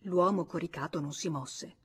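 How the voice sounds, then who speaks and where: Woman narrator for a literary audiobook; low, husky, measured. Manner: measured, even storytelling. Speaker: audiobook reader.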